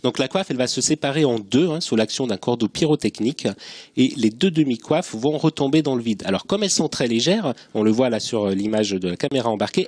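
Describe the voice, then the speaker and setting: A man's voice: medium pitch, a little mellow, no echo. Dry-sounding male expert commentator. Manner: explanatory, didactic. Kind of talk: live launch commentary.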